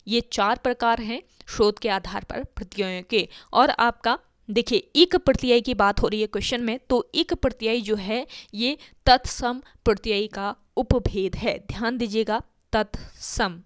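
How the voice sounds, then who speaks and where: A woman's voice: a little high, measured pace, no echo, studio quality. A woman teaching an exam-prep grammar lesson, explaining step by step and answering her own questions.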